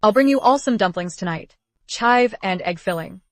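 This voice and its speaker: A woman dubbing a caring young wife in a period drama, with a gently bossy, fussing manner. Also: medium pitch, animated, moderate pace, no room sound, close to an everyday voice. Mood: polite, warm. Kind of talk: English dub of a period drama.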